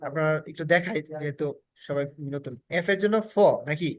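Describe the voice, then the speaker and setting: A man's voice: a little high, fairly quick, fairly bright tone. Bangladeshi man teaching English phonics. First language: Bengali. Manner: drills letter sounds, checks in with students often. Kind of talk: step-by-step phonics lesson.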